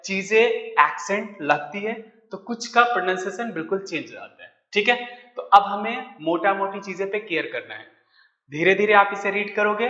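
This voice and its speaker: A man's voice: high-pitched, bright, forceful tone. A man teaching a French lesson, explaining step by step and often checking that students follow. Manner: explains in Hindi mixed with English, with frequent check-ins. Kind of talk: online language lesson. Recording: echoey, roomy, muffled recording.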